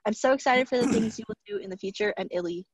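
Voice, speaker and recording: Speaking quickly in a medium-pitched voice with a breathy edge, a young woman reads tributes in a casual way over a video call. She's in a room at home, picked up by her laptop mic, and the lo-fi audio sounds dull but has no room sound.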